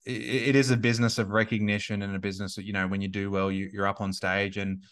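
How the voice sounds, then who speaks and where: A man's voice: lowish voice, little pitch movement, fast, fairly bright tone, smooth. A man in his thirties, a podcast guest and business coach, talking casually and rambling with many restarts and fillers. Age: 30s.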